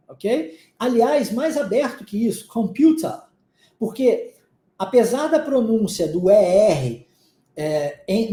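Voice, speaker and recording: An English teacher from Minas Gerais, speaking with a Minas Gerais Brazilian Portuguese accent, gives a recorded online lesson and checks in often with short questions. His voice is high and warm, and the room sounds echoey.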